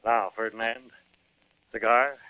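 An actor playing a genial, formal American president in 1940s radio acting. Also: male voice, fairly low pitch, steady tone, a little slow, pushed and bright, smooth, no room sound, rough recording. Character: genial male US president, fatherly.

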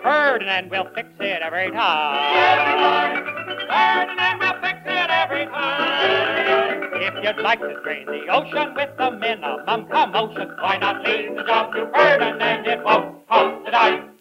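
A man's voice: sits high, lively intonation, unhurried, loud music behind the voice. A man as a husband crooning a jingle. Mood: cheerful. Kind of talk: sung jingle in a radio play. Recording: dull old radio recording with loud band.

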